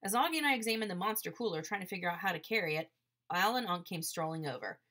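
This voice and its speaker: Bright-voiced woman reading a story. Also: lowish voice, lively intonation, fast. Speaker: audiobook reader. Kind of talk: audiobook narration.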